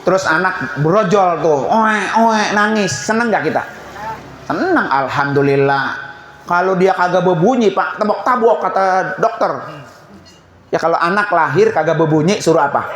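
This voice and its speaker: A man's voice: high voice, animated, moderate pace, fairly bright tone. Man preaching. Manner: colloquial, asks the crowd questions and answers them himself. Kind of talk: sermon at a seven-day memorial prayer gathering. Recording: echoey room with faint background noise.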